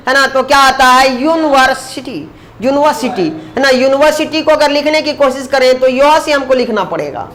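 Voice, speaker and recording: A man teaching a grammar lesson, who explains slowly, sounds words out syllable by syllable, and keeps asking his students questions that he answers himself. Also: very high voice, a bit bright.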